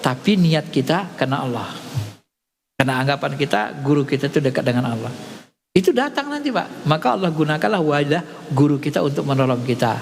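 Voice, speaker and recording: Animated male preacher in a reverberant hall. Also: a little high, fairly quick, vocal fry, slight background noise. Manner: animated storytelling, acting out dialogue. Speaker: religious teacher. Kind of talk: sermon teaching.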